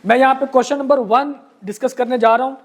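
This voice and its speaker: A man's voice: very high-pitched, fairly even intonation. A man with a Pakistani accent teaches a law class. He explains carefully and patiently, calling his students beta and janab. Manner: explains slowly, reads case text word by word. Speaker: law lecturer. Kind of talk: classroom lecture.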